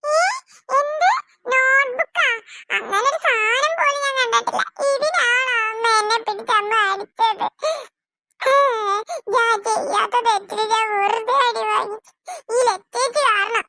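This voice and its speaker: A woman's voice: very high voice, moderate pace, sharp tone, dry recording, studio quality, voice pushed up, full character voice. A woman voicing a whiny little girl in a family cartoon who tearfully insists she took nothing. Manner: whiny, protesting innocence. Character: shrill little girl, youngest sister, tearful.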